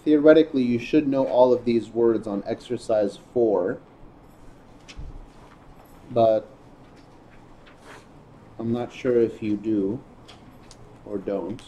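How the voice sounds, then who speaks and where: A man's voice: mid-range voice, slow pace, pauses often, mellow, highs cut off, slight background noise. A man teaching a class, drilling words and patiently correcting and praising students. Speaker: Arabic teacher.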